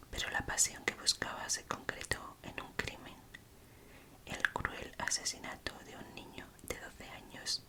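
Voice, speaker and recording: A woman with a Spanish accent from Spain hosts an ASMR reading of true crime. She speaks in a breathy, unvoiced whisper, soft and unhurried, in short phrases.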